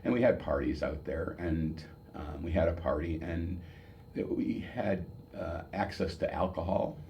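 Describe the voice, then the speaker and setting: An elderly American man in his seventies, an old veteran remembering his service days, telling stories off the cuff in a halting, reminiscing way with pauses and repeated words. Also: low-pitched, gravelly, mellow, slight background noise. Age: 70s. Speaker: military veteran giving an oral history. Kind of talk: old veteran remembering, unscripted personal storytelling.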